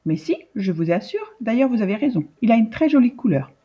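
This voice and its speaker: A woman's voice: fairly high pitch, sing-song, brisk, warm tone, slightly rough, lo-fi sound. A woman voicing a sly male adviser who teases his minister. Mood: mocking.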